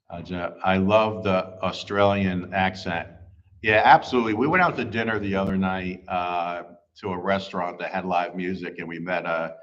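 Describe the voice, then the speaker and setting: A middle-aged man hosting a livestream, chatting casually about viewer comments and rambling with many fillers. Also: low-pitched. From United States. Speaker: livestream host. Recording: slightly dull livestream audio.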